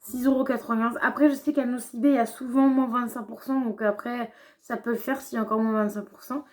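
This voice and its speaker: A woman's voice: a little high, fairly even intonation, fast talker, a little mellow. A young woman chatting casually through a shopping haul vlog, with lots of fillers and restarts. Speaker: beauty vlogger.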